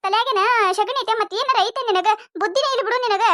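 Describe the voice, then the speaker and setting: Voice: quick pace, bright, forceful tone, no room sound, clean studio sound. A voice actor playing a scolding older village mother-in-law with a North Karnataka accent in a cartoon comedy. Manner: scolding, nagging, shrill.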